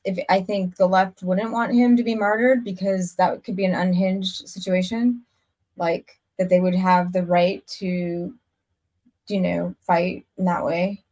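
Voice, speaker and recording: A woman hosting a casual podcast conversation, talking earnestly in long rambling stretches with frequent restarts. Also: mid-range voice. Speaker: podcast host. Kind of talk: casual chat.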